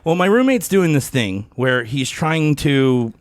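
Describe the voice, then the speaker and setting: A man's voice: a little high, big pitch swings, a little slow. A man co-hosting a podcast in casual chat, rambling and swearing with self-mocking humor. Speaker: podcast co-host.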